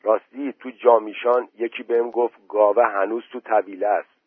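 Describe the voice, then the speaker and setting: A man's voice: on the low side, fairly even intonation, slightly rough, dry recording. A man voicing an agreeable scavenging village man who plainly goes along with the others. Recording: tinny phone-like recording.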